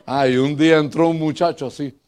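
An older man with a Puerto Rican accent, preaching in a church as pastor and telling funny personal stories, jumping between loud bursts and quiet asides. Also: brisk. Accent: Puerto Rican Spanish. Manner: lively, joking storyteller who swings between loud bursts and low asides.

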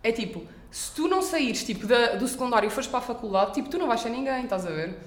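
A young woman with a European Portuguese accent talks at a very rapid clip in casual, slang-filled conversation. The room around her is audibly echoey. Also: a little high, lively intonation. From Coimbra, central Portugal. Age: 20s. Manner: slangy, chatty, filler-heavy. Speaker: master's student. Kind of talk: casual chat among friends. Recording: roomy, echoing space.

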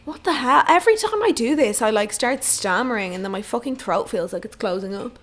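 A woman's voice: a little high, lively intonation, brisk, a bit bright. A woman hosting a casual solo podcast, rambling and swearing freely, with lots of "like". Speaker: podcast host.

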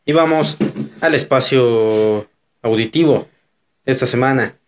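A man's voice: medium pitch, a little slow. A Mexican man hosting a comedic podcast in a laid-back, joking manner. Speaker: podcast host. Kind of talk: casual comedic podcast chat.

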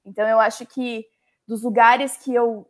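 Brief: young Brazilian woman, guest, chatty and lively, fairly high voice. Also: normal speed. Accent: Brazilian Portuguese. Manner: chatty, lively, uses many fillers. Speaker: legal coordinator, guest. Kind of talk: conversational interview.

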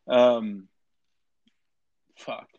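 A man's voice: mid-range voice, flat delivery, extremely slow, gravelly, darkish tone, muffled recording. A man, chatting casually as a guest, stammering, repeating words and swearing a lot. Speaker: podcast guest. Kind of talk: casual chat.

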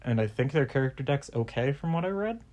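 A man's voice: medium pitch, expressive, quick pace, darkish tone. A young man hosting a casual podcast, rambling with lots of fillers and offhand swearing. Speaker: podcast host.

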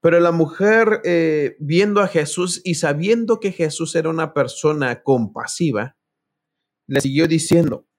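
A man's voice: fairly high pitch, measured pace. A man preaching a sermon, telling a personal story, reading scripture aloud and speaking directly to his listeners.

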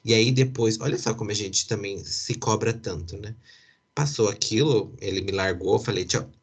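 A man's voice: on the low side, normal speed, husky. A young man, casually telling a personal story with lots of fillers and asides. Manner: chatty, many fillers and asides, occasional laughs.

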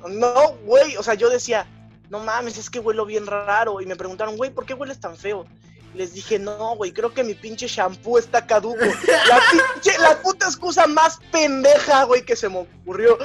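High-voiced Mexican man telling crude stories. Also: normal speed, over music. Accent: Mexican Spanish. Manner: crude slang-heavy storytelling, acts out quoted voices. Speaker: podcast co-host. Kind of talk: casual storytelling chat.

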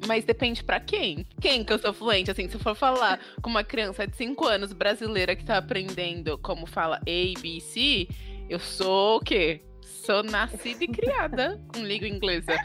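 A woman's voice: mid-range voice, moderate pace, soft background music. A woman, a podcast guest chatting casually and playfully acting out little exchanges. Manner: animated storyteller, mimics voices, playful.

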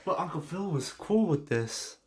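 Male podcast sidekick, a touch high-pitched, quick jokey interjections. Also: animated, darkish tone. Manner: chimes in with quick jokes and asides, laughing easily. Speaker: podcast co-host. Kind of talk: casual chat.

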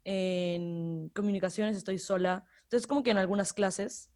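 A woman's voice: medium pitch, normal speed, mellow. A young adult woman with an Ecuadorian accent, co-hosting a casual podcast chat and laughing often. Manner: giggly, chatty, laughs often. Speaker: podcast co-host, university freshman.

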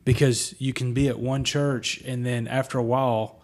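A man co-hosting a podcast in casual chat, speaking reflectively with drawn-out phrasing. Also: medium pitch, little pitch movement, a little mellow. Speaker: podcast co-host.

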